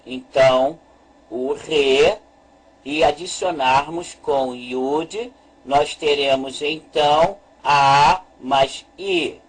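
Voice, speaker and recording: A man teaching a methodical lesson, slowly repeating his points and pointing to a chart as he explains. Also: fairly high pitch, husky, low-quality recording. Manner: slow, deliberate, repeats points with "veja bem". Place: at a screen with a chart.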